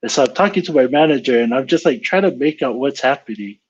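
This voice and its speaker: A man of middle pitch tells a story in a relaxed, casual way. He plays out his own reactions in animated quoted lines. The sound is a bit dull and lo-fi. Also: fast, husky.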